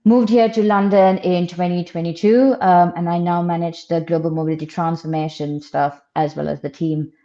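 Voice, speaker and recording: A woman from Sri Lanka speaking calmly as a webinar guest, with frequent ums. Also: lowish voice, moderate pace, hardly any pauses. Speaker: mobility transformation manager, guest. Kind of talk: panel introduction. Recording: dull lo-fi audio.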